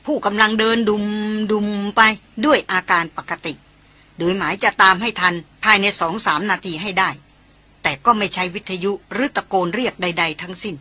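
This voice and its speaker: A woman's voice: medium pitch, bright, forceful tone, breathy edge. A woman narrating a Thai adventure novel as an audiobook, reading the characters' dialogue in her own voice.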